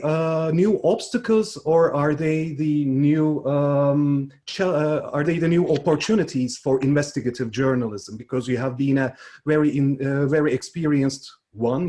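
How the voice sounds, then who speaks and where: A man moderating a panel discussion, halting as he searches for words. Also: fairly high pitch, darkish tone.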